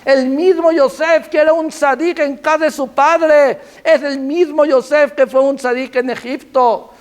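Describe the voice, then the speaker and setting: A man's voice: very high-pitched, steady tone, measured pace. A man, a rabbi delivering a Torah sermon with emphatic, repeated phrases.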